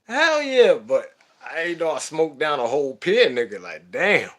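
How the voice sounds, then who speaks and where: A man hosting a livestream, telling a story in an animated, profane, casual way. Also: mid-range voice, normal speed. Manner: animated and profane, laughing at his own story. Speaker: livestream host.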